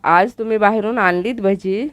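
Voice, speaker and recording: A woman's voice: medium pitch, moderate pace, no room sound, highs cut off, lightly acted. A woman voicing an earnest pregnant young wife in a TV serial recap, explaining her resolve in her own voice.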